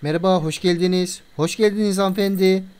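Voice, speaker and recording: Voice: mid-range voice, fairly even intonation, a little fast, a little mellow, clean tone. A game video creator giving casual let's-play commentary in a playful way, chatting to viewers and scolding the game characters.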